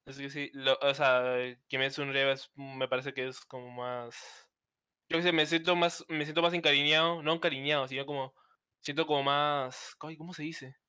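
A man's voice: medium pitch, little pitch movement, normal speed, bright, forceful tone, smooth, no echo, clean studio sound. A man co-hosting a casual livestream chat, talkative and often searching for his words. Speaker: co-host.

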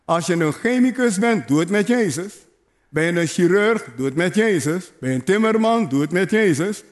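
Man, pastor, sermon, high-pitched, repetitive exhortation, playful asides. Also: lively intonation, normal speed.

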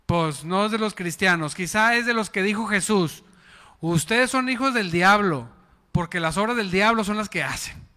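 A pastor delivers a sermon in a high, bright voice at an unhurried pace, firing questions at the congregation and leading call-and-response. A long reverb from the hall trails his voice.

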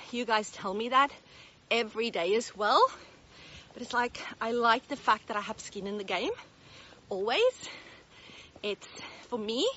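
An Australian woman with a fairly high voice vlogs while walking uphill outside, slightly winded. She speaks frankly and upbeat, like a mentor talking to her audience. The recording is dull and lo-fi, with faint outdoor noise. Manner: upbeat, direct, laughs often. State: slightly out of breath. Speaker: business mentor. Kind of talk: casual walk-and-talk vlog.

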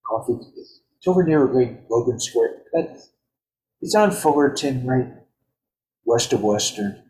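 A man with a medium-pitched voice, telling stories in a casual, chuckling way. His voice carries a roomy echo. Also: expressive, measured pace, dark tone. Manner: storytelling, chuckling. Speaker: guest musician. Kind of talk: casual chat.

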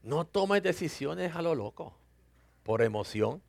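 Gravelly-voiced male pastor preaching. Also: fairly high pitch, expressive, measured pace, a little mellow, no echo. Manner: storytelling with laughter and acted-out dialogue; rising to emphatic preaching. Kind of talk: sermon.

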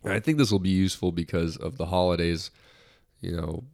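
Speaking fairly quickly in a low-pitched, creaky, darkish voice, a young American podcast host rambles through his solo show. He is lighthearted and restarts often, and he sounds slightly nasal from a cold he recently had.

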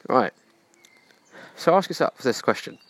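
A man's voice: medium pitch, animated, a little slow, a bit bright, no echo. A man hosting a self-help podcast, speaking earnestly and preachily in direct address to the listener. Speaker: podcast host.

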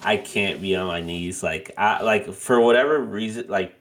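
A man's voice: on the low side, normal speed, fairly bright tone. A man in his twenties co-hosting a podcast, chatting casually and rambling with lots of "like" fillers. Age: 20s. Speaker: podcast co-host. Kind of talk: casual chat.

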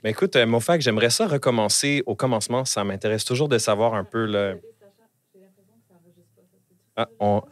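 Relaxed interviewer, code-switching, dry close mic. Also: mid-range voice, normal speed, pauses often, no room sound. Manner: mixes English slang into French, relaxed. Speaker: interview host. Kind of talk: casual interview chat.

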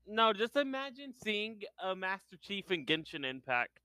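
A man in a casual podcast chat, teasing the others with quick jabs. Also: sits high, big pitch swings, bright, forceful tone, clear, resonant tone.

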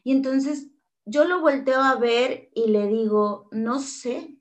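Mexican woman, interview guest, earnest and emotional, slightly high voice. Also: slow. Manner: earnest, emotional retelling that acts out quoted dialogue. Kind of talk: personal story in an interview.

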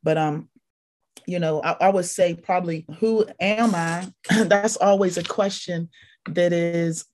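Her voice is lowish, steady, and a little dark, and she talks a bit slowly. She's a Pittsburgh woman appearing as a podcast guest, offering casual testimony that rambles and leans heavily on fillers and repetition.

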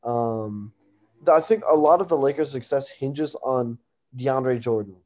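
A man's voice: medium pitch, unhurried, a little mellow. A young American man co-hosting a sports talk, casually giving predictions on games.

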